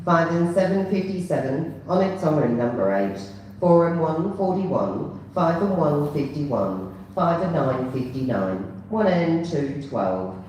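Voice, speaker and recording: A woman working as a bingo caller, announcing numbers digit by digit in a measured, formulaic rhythm with falling endings. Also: deep voice, big pitch swings, darkish tone. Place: large echoing bingo hall. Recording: echoey hall, distant PA sound, faint noise.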